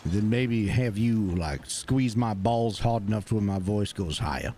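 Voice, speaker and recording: A man, speaking gruffly and bluntly in character during a roleplay game stream, swearing often. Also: on the low side, measured pace, warm tone, a little hiss or hum.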